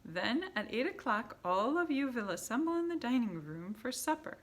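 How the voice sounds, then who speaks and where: A bossy old witch queen barks orders, pitched high and swinging wildly up and down, as a woman reading a storybook puts her on. She is cruel and imperious and shouts every command. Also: sing-song, normal speed.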